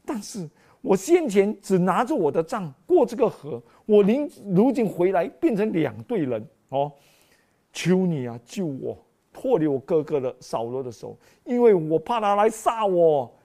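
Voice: medium pitch, big pitch swings, moderate pace, warm tone. A preacher voicing the anxious patriarch Jacob, praying earnestly and pleading with God for protection.

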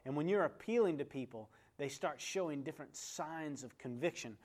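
A man's voice: on the high side, animated, normal speed, darkish tone. A male evangelist pastor teaching in a sermon style, telling stories with emphatic repetition.

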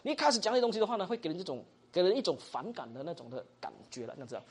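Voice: mid-range voice, sing-song, rapid-fire, breathy edge. A teacher giving a Bible study lesson, mixing in English words, often asking the class questions and tagging sentences with little particles. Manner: acts out example dialogues.

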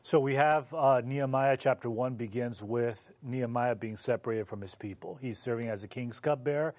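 A man's voice: medium pitch, moderate pace, a little mellow, dry recording. A man on a Bible study panel, earnestly retelling the story behind a scripture passage with some fillers. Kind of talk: explaining scripture background.

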